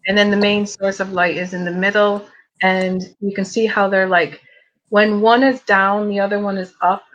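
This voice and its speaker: A woman's voice: mid-range voice, fairly bright tone, highs cut off. A woman co-hosting a casual chat, showing her own paintings and talking hesitantly with many ums and likes.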